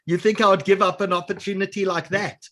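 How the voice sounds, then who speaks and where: A man's voice: high-pitched, flat delivery, fast, bright, forceful tone. A man hosting a casual panel chat, jovial and teasing, telling stories. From South Africa. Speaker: host.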